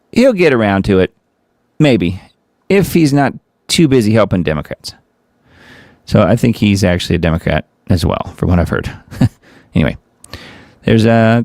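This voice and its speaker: A man's voice: on the low side, a little mellow, no echo, clean studio sound. A man hosting a live commentary show, reading news articles aloud and breaking off for sarcastic, digressive asides. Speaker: host.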